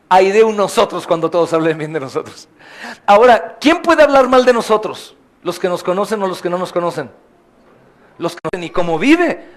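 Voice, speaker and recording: Man, pastor, sermon, high-pitched voice, impassioned, asks the congregation questions. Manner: impassioned, swings from soft to loud cries.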